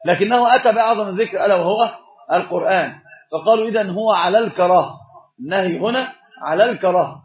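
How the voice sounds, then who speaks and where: A man teaches a religious lesson at a brisk clip, his voice sitting high for a man. He keeps the class engaged by posing questions and answering them himself. The recording sounds dull and lo-fi. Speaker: Islamic scholar teaching a course.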